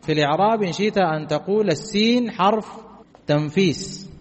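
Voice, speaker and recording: A man's voice: sits high, a little fast, long reverb tail. Male teacher quizzing his class. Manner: asks the class questions and answers them himself, repeats key phrases. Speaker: grammar teacher. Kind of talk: classroom lesson explaining grammar.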